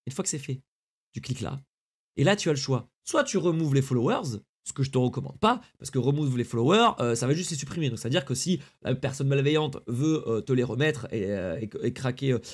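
A young man casually talking the viewer through a streaming tutorial, chatty and slangy. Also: medium pitch. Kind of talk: casual screen-recorded tutorial.

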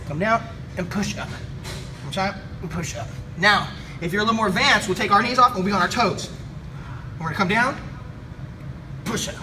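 A young man with a high voice coaches a chest workout in a weight room, energetically talking through the moves while he lifts. The fitness instruction is captured by a camera mic a few feet away, so the audio sounds distant and carries room noise.

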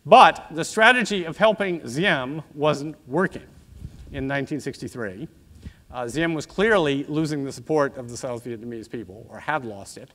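A man in his sixties giving an academic lecture in a measured, discursive professorial manner with asides. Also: medium pitch, expressive, fairly bright tone. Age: 60s. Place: auditorium stage at a lectern, indoors.

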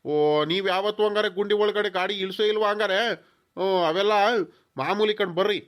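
A man's voice: sits high, flat delivery, fairly quick, fairly bright tone. A man voicing a cocky young village man in a cartoon, speaking in a breezy, reassuring way.

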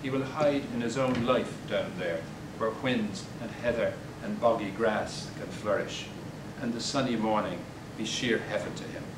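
An older man reads poems aloud at a podium indoors in a bookstore, pausing hesitantly and haltingly between pieces and speaking asides as a poet would. The distant camera mic yields echo and background rumble.

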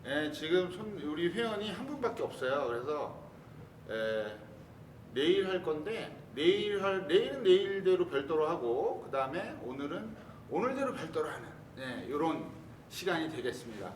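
A chatty middle-aged golf instructor from South Korea talks casually on a live stream, greeting viewers one by one. His voice is high and lively, and it comes from a little away from the mic in a roomy, echoey studio with a faint rumble behind him. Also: moderate pace, far from the mic. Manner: greets viewers by name, chatty, fiddles with volume.

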